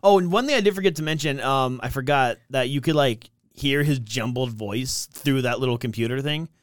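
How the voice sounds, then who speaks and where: A man's voice: medium pitch, a little fast, no echo, studio quality. Emotional man gushing as a fan. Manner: emotional fan, trailing off, restarting sentences. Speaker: podcast co-host. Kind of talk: casual chat.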